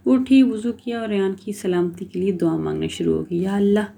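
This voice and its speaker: Mellow-voiced woman reading a novel. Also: mid-range voice, animated, gravelly. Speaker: storyteller. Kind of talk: reading a romance novel aloud.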